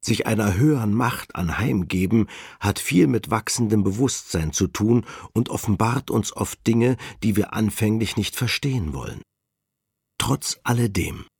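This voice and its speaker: A man giving a calm, measured reading of a spiritual text. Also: fairly low pitch, vocal fry, slightly rough, no echo, clean studio sound. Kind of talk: slow devotional reading.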